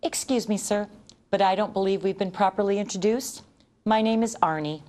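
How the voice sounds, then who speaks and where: A woman voicing an excitable, indignant little male talking doughnut in a children's storybook, with a dramatic manner. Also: mid-range voice, a little fast, close to an everyday voice. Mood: sweetly polite. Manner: dramatic, frantic, polite when pleading.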